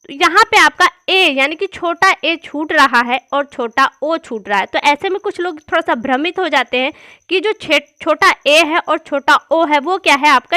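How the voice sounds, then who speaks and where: A woman teaching an exam-prep class in a high, bright voice. She explains step by step, repeats key points and answers her own questions. The sound is close and dry, with no room echo.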